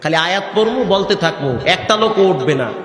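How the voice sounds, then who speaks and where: A man's voice: sits high, lively intonation, a little fast, fairly bright tone. A man preaching a sermon who breaks into sung chanting and asks the crowd questions in folksy asides. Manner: swings between sung chanting and rustic conversational asides. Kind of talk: Bengali waz sermon with sung recitation. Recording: echoey hall with long reverb.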